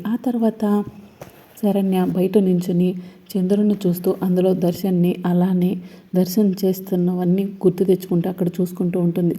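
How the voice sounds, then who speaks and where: A woman casually retelling a TV serial episode, running through the plot and reading out what the characters say. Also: lowish voice. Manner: retells the plot in a steady flow and reads the characters' lines aloud. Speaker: serial recap narrator.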